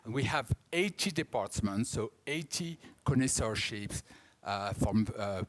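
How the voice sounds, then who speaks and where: A man in his fifties with a French accent, a native French speaker, giving a conference talk as an auction house director, explaining in a halting way with frequent restarts. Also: on the low side, expressive. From France. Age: 50s.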